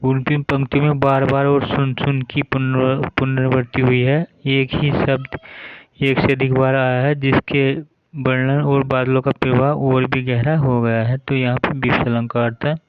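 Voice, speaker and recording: A man's voice: mid-range voice, level tone, unhurried, smooth, no room sound, lo-fi sound. A man teaching a Hindi grammar lesson, explaining each term step by step and reading verse examples.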